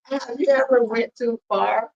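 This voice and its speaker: An interviewer asking questions in a relaxed, casual way and giving frequent encouraging replies. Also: medium pitch, unhurried, vocal fry, lo-fi sound. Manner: relaxed, encouraging, many back-channel replies.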